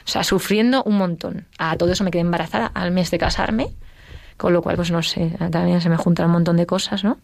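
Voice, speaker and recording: A woman's voice: on the low side, fairly even intonation, brisk, gravelly, a little mellow, no room sound. A middle-aged woman telling her personal story in an interview, acting out the voices she quotes. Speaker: interview guest.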